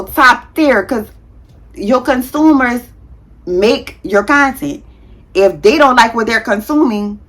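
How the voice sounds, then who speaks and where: A woman in her thirties, a nurse, chatting casually to her viewers in a vlog, talking fast with a heavy tongue and sometimes tripping over words. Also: fairly high pitch, a bit bright. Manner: frank, slangy, addresses viewers as y'all. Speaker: nurse and content creator.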